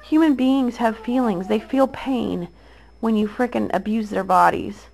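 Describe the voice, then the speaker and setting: Speaking unhurriedly into the camera, this woman in her thirties has a high-leaning, darkish voice with vocal fry, captured on a rough recording. As a mother answering her accusers, she comes across as aggrieved and insistent, circling back over the same points with restarts and fillers.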